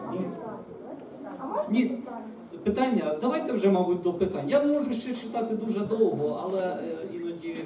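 A children's author reading his book aloud to children in a meeting room, in a lively, expressive storytelling way. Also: sits high, normal speed, background noise. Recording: echoey room, mic far off.

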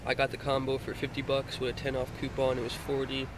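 Speaking quickly in a medium-pitched monotone, a young Florida man casually walks through his fishing gear, rambling and hesitating with fillers. The noisy recording comes from a handheld phone aimed down at the gear while he sits in a car.

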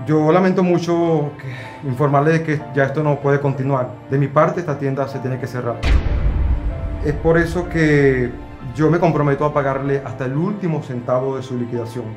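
A man's voice: fairly high pitch, moderate pace, over music, close to an everyday voice. A young man acting a regretful store owner in a scripted web drama, speaking earnestly in a clothing store. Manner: apologetic, earnest speech.

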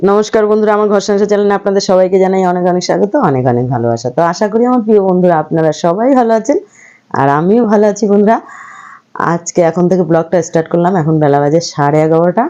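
A hoarse, feverish middle-aged woman chatting casually to her viewers in a home vlog and telling a story. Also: fairly low pitch, racing, mellow, dull audio. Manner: chatty, addresses viewers as friends, coos at pets. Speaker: vlogger.

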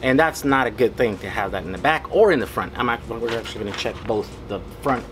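Amid heavy background noise, a man in his thirties talks fast in a mid-range voice for his casual DIY vlog. Working on a repair in his home garage, he explains the job and thinks out loud along the way.

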